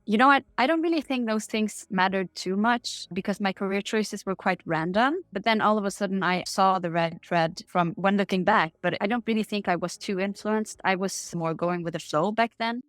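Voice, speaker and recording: A woman's voice: mid-range voice, normal speed, hardly any pauses, fairly bright tone, no room sound. A middle-aged woman from Norway with a Norwegian accent, answering interview questions in a candid, upbeat way over a remote call. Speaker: guest.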